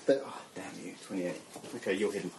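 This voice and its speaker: A man steering a tabletop game as its game master, calling each turn in a brisk, practical way. His voice rings around an echoey room. Steady background noise stays under everything he says. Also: low-pitched. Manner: brisk, directing turns with frequent "right" and "okay".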